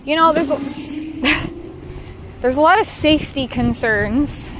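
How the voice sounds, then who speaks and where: Walking outdoors, a woman from Southern California chats candidly with her livestream viewers in a casual, unscripted way, swearing now and then. Her voice sits high and she takes it slowly, with background noise around her.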